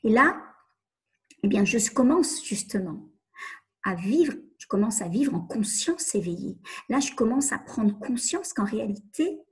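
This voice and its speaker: A woman's voice: fairly high pitch, very animated, measured pace, husky. A woman coach giving a webinar talk on emotions, earnest and repeating phrases as she acts out inner questions. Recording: online webinar.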